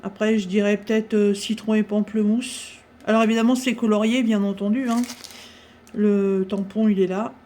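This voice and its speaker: A woman chatting casually through a craft-supply haul, talking with many pauses and fillers. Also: mid-range voice, little pitch movement, warm tone.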